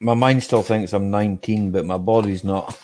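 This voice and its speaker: A man's voice: fairly low pitch, steady tone, moderate pace, darkish tone. A man in his early forties hosting a casual live chat, rambling and tagging his sentences with "right?" and "eh?", laughing often. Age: 40s. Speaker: live-stream host.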